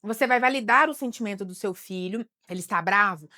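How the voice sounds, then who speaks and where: A woman's voice: mid-range voice, fairly quick, sharp tone. Chatty Brazilian woman giving parenting advice. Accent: Brazilian Portuguese. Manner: conversational, frequent tag questions like "né?". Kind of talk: advice talk to camera.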